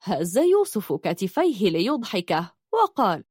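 Expressive female audiobook narrator, animated delivery, dry booth sound. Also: medium pitch, a little slow, slightly rough, no room sound. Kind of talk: scripted narration.

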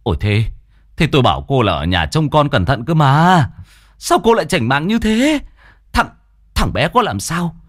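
A man's voice: on the high side, big pitch swings, normal speed, pitched above the performer's own voice. A man voicing a hot-tempered young husband in a spoken ghost story, scolding his wife with a stammer. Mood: angry.

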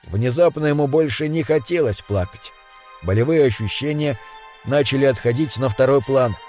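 A man narrating an audiobook in steady scripted storytelling. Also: medium pitch, moderate pace, soft background music.

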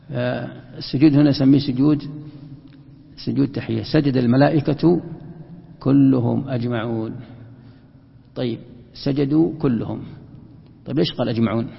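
A man teaches a Quran commentary lesson, putting questions to his listeners and answering them himself. His voice is deeply gravelly and full of fry. The recording is lo-fi and dull, with a long reverb from a large hall.

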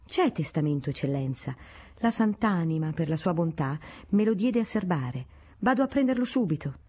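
A woman's voice: fairly low pitch, expressive, normal speed, mellow, breathy edge. A woman reading the part of a deferential servant woman of a noble house, speaking in a humble, pleading way. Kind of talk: audiobook reading.

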